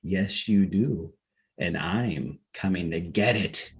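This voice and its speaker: A man voicing a menacing male ghost who draws out his words slowly. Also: dull audio, slight background noise. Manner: slow, drawn-out, low menacing calls. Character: menacing male corpse ghost, slow and hollow.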